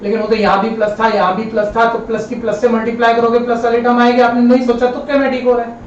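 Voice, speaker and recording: A man's voice: very high-pitched, little pitch movement, very fast. A male maths teacher giving a live online lesson in a classroom, patient and repetitive, often calling his students kids and brother. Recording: roomy, distant, dull classroom sound with faint noise.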